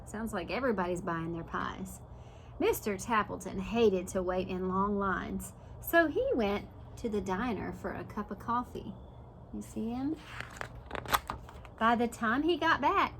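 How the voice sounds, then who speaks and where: Reading a picture book to young children, a woman preschool teacher acts out the story and adds simple explanatory asides. Her mid-range voice is a bit bright, with a little hiss or hum in the audio.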